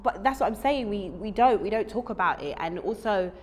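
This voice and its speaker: A woman, hosting a casual interview, chatty, frank and animated, in a small studio set. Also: mid-range voice, a little fast, noisy background. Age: 30s. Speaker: host. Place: small studio set with lamp and fireplace screen.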